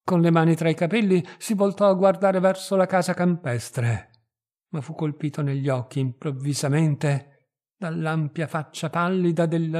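A man reading a literary short story aloud in a measured, expressive narrating manner. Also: fairly high pitch. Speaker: reader.

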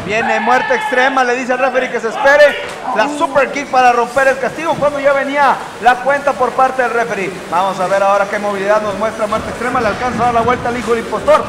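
A man with a Mexican accent working as a wrestling commentator, giving excitable move-by-move lucha libre play-by-play. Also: extremely high pitch, fast talker, poor audio. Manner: excitable, narrates each move as it happens. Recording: loud crowd and venue noise.

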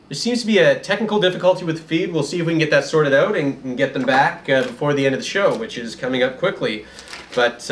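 A man delivers a satirical comedy monologue in a deadpan, mock-serious way. His voice sits slightly high for a man. It sounds a bit distant from the microphone. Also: slight background noise. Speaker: comedy show host.

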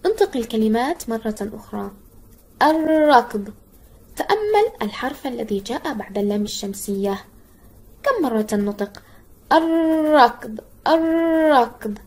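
A woman teacher giving a recorded lesson for children, encouraging and addressing the pupil directly, stretching words out slowly when she models how they sound. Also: on the high side, animated, dark tone, slightly rough. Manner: slow, carefully drawn-out syllables when modelling words.

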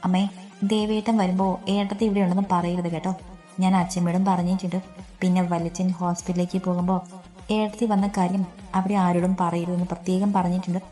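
A woman's voice: fairly low pitch, little pitch movement, fairly quick, warm tone, faint music behind, lightly acted. A woman reading as an eager, scheming girl. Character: playful girl plotting a surprise.

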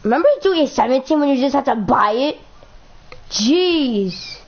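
A young woman, a gaming YouTuber, gives casual commentary while playing a basketball video game, joking around and often repeating herself. Her voice is high with lively intonation at a moderate pace, and the recording has its highs cut off.

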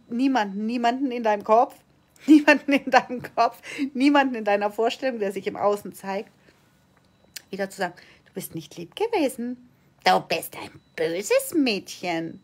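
A woman giving an impassioned motivational monologue as a manifestation coach, hammering repeated phrases and swearing for force. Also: a little high.

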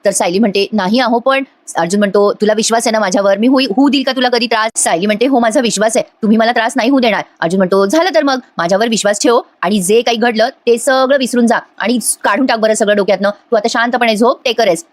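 Woman reviewer, fast and chatty episode recap, slightly high voice, dry close sound. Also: no echo. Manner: chatty, addresses viewers directly, acts out dialogue while retelling. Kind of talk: casual retelling of a TV episode.

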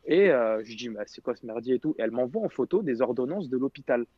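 A man's voice: medium pitch, animated, fast, slightly rough, no room sound, lo-fi sound. A young man telling a long story in casual slangy chat on a radio show, quoting others as he goes. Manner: rambling, slangy, quotes others.

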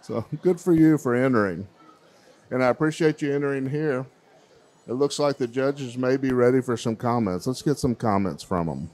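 A middle-aged man hosts a children's baking contest in a big fair hall, holding a handheld mic as he interviews the young contestants in a chatty, encouraging way. His mid-range voice is slightly mellow, at normal speed.

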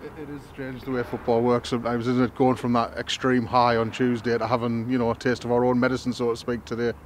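Quick-talking club interviewer. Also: male voice, medium pitch, level tone, slight background noise. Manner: leading questions, supportive of the club. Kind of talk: post-match interview questions.

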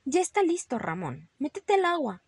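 A woman's voice: high voice, huge pitch swings, darkish tone, dry recording, pitched above the performer's own voice, full character voice. A woman voicing a bossy mother rabbit, firm and scolding, in a storybook read-aloud. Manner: firm and scolding, quick to alarm.

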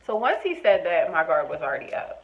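Animated woman telling a storytime tale. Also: fairly low pitch, fairly quick, vocal fry, dull audio, faint music behind. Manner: animated, acts out both sides with voices. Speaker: storytime vlogger. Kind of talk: casual storytelling.

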